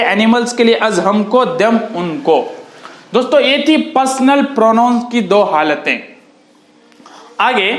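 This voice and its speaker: A man teaching an English grammar lesson, slowly repeating each word along with its meaning. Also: high-pitched, roomy sound.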